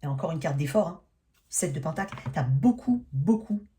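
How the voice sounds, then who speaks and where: A woman's voice: deep voice, lively intonation, moderate pace, warm tone, faint music behind. A woman giving a casual tarot reading, talking in a hesitant, searching way with many restarts and a frequent "hein". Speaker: tarot reader.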